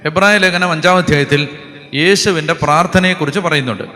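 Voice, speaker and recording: A priest preaching a sermon, often questioning the congregation and moving between loud proclamation and quiet asides. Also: male voice, fairly high pitch, a little fast. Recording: long hall reverb with faint music behind.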